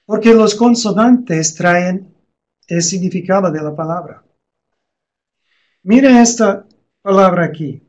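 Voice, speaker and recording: A man explaining how to teach reading, in a measured way with deliberate pauses. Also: sits high, a little mellow.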